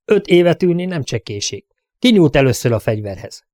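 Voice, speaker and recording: A man's voice: a little high, big pitch swings, a little mellow, no echo, clean studio sound, pitched above the performer's own voice. A man reading as a stern frontier sheriff. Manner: questioning, challenging a crowd.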